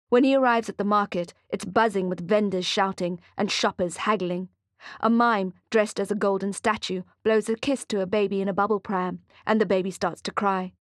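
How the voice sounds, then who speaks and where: A woman reading a thriller audiobook in a measured, dramatic narration on a close studio mic. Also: medium pitch, no echo. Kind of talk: scripted narration.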